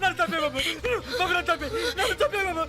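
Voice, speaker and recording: A man's voice: very high voice, quick pace. An actor playing a panicky male driver who wails and cries out over and over in a film comedy, with soundtrack music underneath. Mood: wailing. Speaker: family driver.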